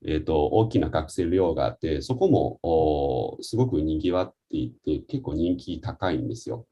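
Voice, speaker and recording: A man's voice: a bass voice, lively intonation, normal speed, dark tone, husky, dull audio. A man on a webinar panel answering questions about student life, with many hesitant fillers.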